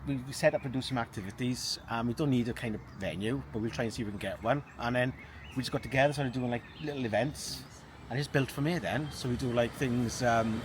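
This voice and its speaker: Rapid man over street noise. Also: mid-range voice. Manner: informal, explanatory. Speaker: community group volunteer. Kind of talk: casual interview. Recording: outdoors with clear traffic noise.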